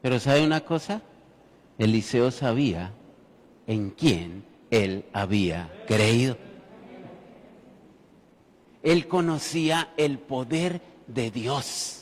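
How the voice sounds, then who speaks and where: A man's voice: medium pitch, lively intonation, slow, long pauses. A man preaching a sermon in church, telling the story with humor and speaking directly to the congregation. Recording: reverberant church hall.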